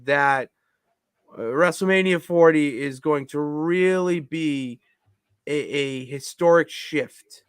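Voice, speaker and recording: Brief: man, podcast co-host, excitable rambler who keeps restarting sentences, fairly high voice, dry close sound. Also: slow, clear, resonant tone, dry recording. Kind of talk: casual chat. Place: home basement.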